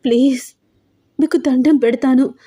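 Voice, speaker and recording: A woman's voice: high voice, fairly even intonation, a little slow, dark tone, husky, voice pushed up. A woman voicing a frightened young woman held captive, crying and pleading. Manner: pleading, tearful.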